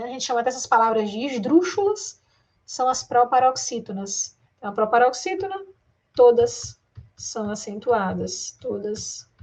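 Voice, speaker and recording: Brazilian woman teacher, kinda high voice, drags out syllables, keeps asking the class stuff. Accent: Brazilian Portuguese. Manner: lively, stretches words out syllable by syllable; addresses students directly, asks rhetorical questions. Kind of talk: exam-prep grammar lesson.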